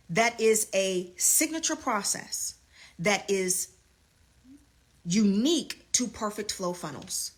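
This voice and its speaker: Emphatic husky woman business coach. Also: mid-range voice, a bit bright. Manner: emphatic, repeats key points. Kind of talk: live online business lesson.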